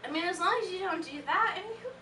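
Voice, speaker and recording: A woman's voice: very high-pitched, lively intonation, fast talker, sharp tone, full character voice. A woman playing a giggly, tipsy teenage girl. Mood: breezy. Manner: breezy, rambling, giggly. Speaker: convention panel performer. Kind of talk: live comedic stage monologue. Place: convention panel room before a laughing audience. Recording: echoey room from far off, noisy.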